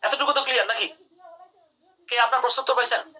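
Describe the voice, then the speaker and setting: A man's voice: very high voice, fairly even intonation, fast talker, sharp tone, recorded from a distance, low-quality recording. A man teaching English grammar in a live online class, calling on students by name and praising their answers.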